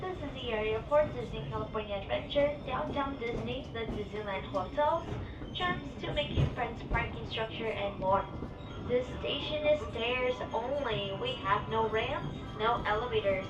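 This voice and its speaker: A woman conductor announces the train's arrival over an outdoor loudspeaker at a station, her fairly high voice friendly and playful enough for a train pun. The sound is distant, echoey and muffled. Loud music plays behind her. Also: normal speed.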